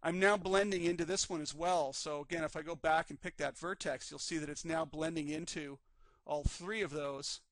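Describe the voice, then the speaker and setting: A man teaching a live 3D rigging class, calmly narrating each step on screen while his voice is slightly worn. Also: on the high side, moderate pace, no room sound. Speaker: 3D rigging instructor. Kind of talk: live screen-recorded software tutorial.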